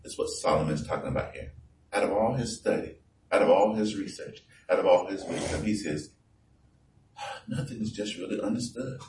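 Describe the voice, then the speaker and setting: A man preaching a conversational sermon, reading scripture slowly and with emphasis. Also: deep voice, darkish tone. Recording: echoey room from far off.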